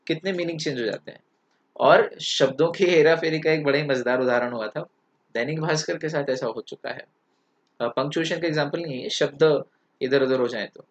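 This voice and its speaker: A man's voice: fairly high pitch, brisk, muffled recording. A man teaching an English lesson, explaining points with stories and examples and switching between two languages. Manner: storytelling with examples, mixing Hindi and English. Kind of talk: classroom lecture.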